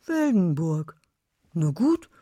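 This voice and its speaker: A woman's voice: on the low side, big pitch swings, slow pace, mellow, no echo, clean studio sound, heavily acted. A woman voicing a timid, grumbling young werewolf boy in an audiobook. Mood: unimpressed. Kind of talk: audiobook reading.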